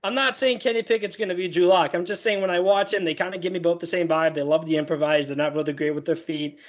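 A man co-hosting a casual football talk, self-deprecating and quick to laugh at himself. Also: high voice, steady tone. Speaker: co-host analyst.

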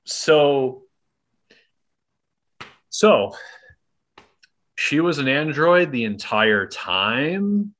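A man's voice: on the high side, lively intonation, drawn-out words, pauses often, fairly bright tone. A man in casual chat about a film, wry and profane, breaking in with asides. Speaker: podcast co-host.

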